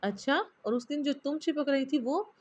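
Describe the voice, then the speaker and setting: A snappy, teasing young husband from a romance storybook, as a woman narrator puts him on. He talks quick and sharp, with a mid-pitched voice. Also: animated, close to an everyday voice.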